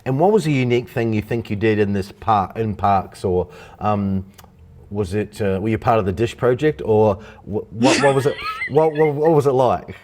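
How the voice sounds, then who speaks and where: A man with a lowish voice hosts a casual interview. He stumbles and repeats himself, and he keeps the talk moving with quick yeahs. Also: a little mellow, slight background noise. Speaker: interview host.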